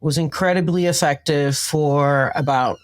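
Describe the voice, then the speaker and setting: Her voice sits low and her pace is measured as this New York-accented woman, a consultant and trainer, describes what she does. She's a podcast guest from New York, United States, being interviewed.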